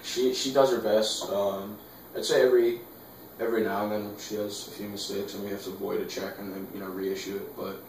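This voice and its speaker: Male prospective client, casual and conversational, heard far from the mic over clear noise. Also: fairly low pitch, little pitch movement, a little fast. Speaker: prospective client in a practice role play. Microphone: distant microphone. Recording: very echoey room, distant mic, background noise.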